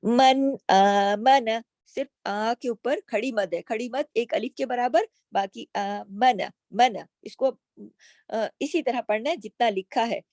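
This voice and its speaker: A woman's voice: a little high, a little slow, darkish tone, no room sound, studio quality. A woman teaching tajweed, patiently explaining each letter and asking herself questions as she goes. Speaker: Quran recitation teacher. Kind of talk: slow tajweed lesson with recited words.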